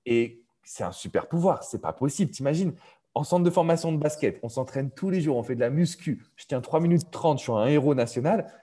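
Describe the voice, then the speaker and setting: A man hosting an interview, asking questions in a chatty, animated way. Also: fairly high pitch, fairly quick. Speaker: podcast host.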